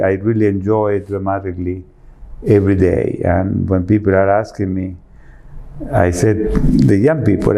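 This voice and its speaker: Argentine-accented man, low mellow voice, earnest guest who searches for words. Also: creaky. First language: Spanish. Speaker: architect guest. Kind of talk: interview answers.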